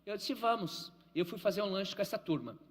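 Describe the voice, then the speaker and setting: A man's voice: high-pitched, lively intonation, quick pace. A male pastor with a Brazilian Portuguese accent preaches emphatically in church, repeating lines for weight and mixing in humor. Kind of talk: live sermon with storytelling. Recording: long church hall reverb.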